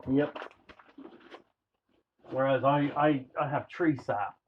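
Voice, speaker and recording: A man's voice: mid-range voice, fairly even intonation, slow. A man in casual home cooking chat in a kitchen, talking in an easygoing, rambling way with many fillers and restarts. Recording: dull home video with faint noise.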